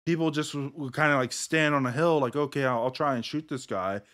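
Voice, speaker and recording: A man hosting a casual podcast chat, acting out gamers' quotes in a lively way. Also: fairly quick. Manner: animated, acts out gamers' quotes in a higher voice. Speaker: podcast host. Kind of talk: casual chat over beers.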